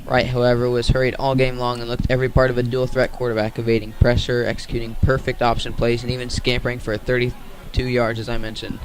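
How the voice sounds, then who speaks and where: An American man calls play-by-play on sports radio, giving measured, informational commentary. His medium-pitched voice is monotone and barely shifts in tone, and the audio is poor with slight background noise.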